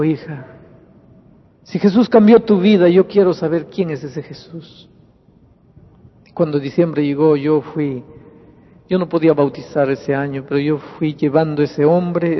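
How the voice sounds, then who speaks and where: A man preaching as a pastor, telling a story dramatically, dropping to a hush and rising to shouts as he acts out the people in it. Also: fairly high pitch. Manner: dramatic, swings from hushed to shouted when quoting. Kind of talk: sermon storytelling. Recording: echoey hall, dull lo-fi sound.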